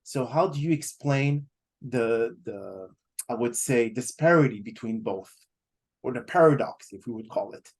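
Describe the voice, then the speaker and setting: A man's voice: mid-range voice, animated, a little slow, darkish tone, slightly rough. A man hosting a podcast, talking at length with many fillers and restarts as he sets up a question. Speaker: podcast host. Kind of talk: casual interview talk.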